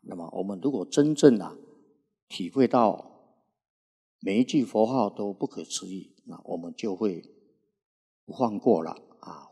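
An older Buddhist monk in his sixties preaches slowly, with long "ah" fillers between his phrases. His voice is low, gravelly and husky, and it carries a long reverb, as though recorded in a large hall. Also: warm tone. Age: 60s. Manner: unhurried preaching, frequent drawn-out "ah" fillers. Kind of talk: Buddhist sermon.

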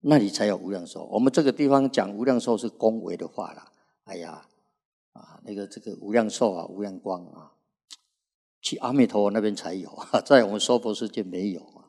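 In this Buddhist sermon, a monk in his sixties speaks slowly and mellowly, pausing often on stretched-out "ah" fillers. The voice is deep, husky and gravelly, echoing with a long reverb as if captured in a spacious hall.

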